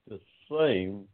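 A man in his seventies hosting an online talk forum, speaking in a casual monologue that is unhurried and reflective, with many pauses and drawn-out words. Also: fairly low pitch. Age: 70s. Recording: tinny phone-line sound.

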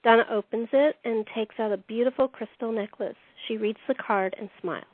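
In a fairly high voice and at a fairly quick pace, a woman acts as narrator and host of a scripted radio play, reading out scenes and stage directions. The room is echoey and the sound thin, tinny and phone-like.

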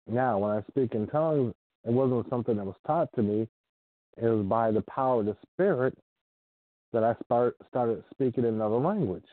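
An earnest man from Ohio, fairly low in pitch, preaches an informal sermon and reads from scripture. He takes his time and repeats things. There's no room sound, just a dry, tinny, telephone quality.

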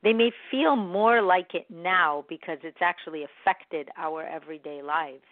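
Woman giving gentle motivational talk, tinny. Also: lowish voice, normal speed, no echo. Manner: gentle, encouraging, reflective. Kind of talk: motivational self-help talk. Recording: dry, tinny phone-like sound.

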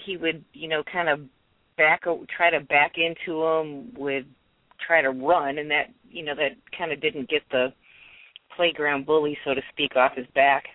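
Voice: medium pitch, fairly even intonation, normal speed, no echo. A radio show caller on a phone line, chatting casually and hesitantly with many ums and restarts. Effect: heard over a phone line. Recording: dry, tinny phone line.

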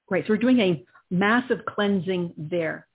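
A woman with a husky, slightly low voice leads a guided healing meditation. She gives calm instructions with pauses between phrases. The sound is narrow and tinny, like a telephone line. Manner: slow, calming, instructional delivery with pauses. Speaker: host and healer.

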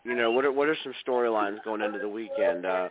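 A man asking questions in a casual sports interview, halting and repeating words as he goes. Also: on the low side, crowd noise. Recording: muffled narrow band, noisy line with clicks.

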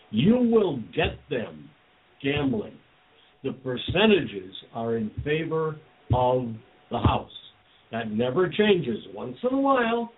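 An older man talking bluntly and indignantly in a casual chat, swearing freely as he rails against greed. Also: medium pitch. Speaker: guest. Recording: tinny phone-like sound.

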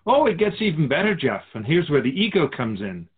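Voicing a keeper of souls in a radio drama, a man muses theatrically in rhetorical questions as a wise, teasing mentor in a lecturing mood. His high voice is sing-song and brisk with a breathy edge, heard through phone-quality sound.

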